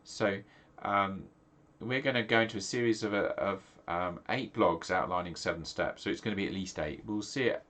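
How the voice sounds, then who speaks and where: In a casual video, a middle-aged English pastor speaks at normal speed in a low-pitched, somewhat bright voice with few pauses. He sounds nasal and congested, and his talk rambles with lots of ums and restarts.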